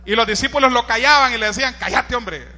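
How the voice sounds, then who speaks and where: High, bright Honduran pastor preaching. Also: male voice, rapid-fire, long reverb tail. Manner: animated preaching, shouts quoted cries, frequent rhetorical asides to listeners. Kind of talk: sermon.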